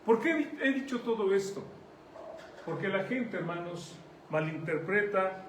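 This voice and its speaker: Mexican pastor, high voice, conversational sermon, echoey hall, mic set back from him. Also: male voice. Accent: Mexican Spanish. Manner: conversational preaching, asks the congregation questions. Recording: echoey room, mic at a distance, faint noise.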